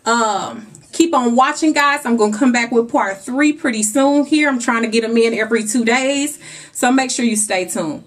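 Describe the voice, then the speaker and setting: High-voiced woman giving a motivational talk. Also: moderate pace. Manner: emphatic, preachy, calls viewers "y'all" and "guys". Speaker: vlogger.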